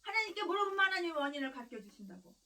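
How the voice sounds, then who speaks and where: A woman's voice: very high voice, sing-song, racing, bright, forceful tone, distant mic. A woman pastor preaching a sermon in a fiery, scolding way, hammering on repeated phrases and breaking into harsh, angry rants. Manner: harsh angry ranting with insults.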